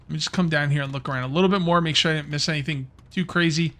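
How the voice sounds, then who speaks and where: A young man talks his way through a survival game, rambling casually to his viewers as he plays. His voice sits a little high and sounds bright and forward. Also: steady tone, racing. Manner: chatty, rambling, talks to viewers while playing. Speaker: gaming YouTuber. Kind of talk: casual let's-play commentary.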